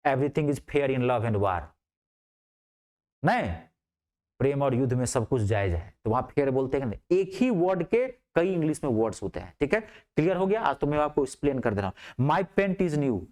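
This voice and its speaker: Lively Indian man teaching English. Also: a little high. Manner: lively, asks questions and answers them himself, drills words; reads example sentences slowly and deliberately. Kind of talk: classroom lecture.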